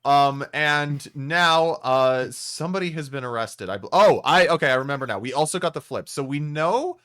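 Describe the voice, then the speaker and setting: A man's voice: fairly high pitch, expressive, moderate pace, a bit bright. A man streaming live, chatting casually and rambling while setting up a game voice-over, swearing now and then. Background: faint music.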